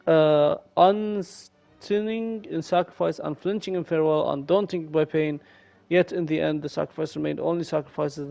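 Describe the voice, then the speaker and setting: A male streamer reading game story text aloud, haltingly and with frequent self-corrections. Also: on the high side, gravelly, mellow.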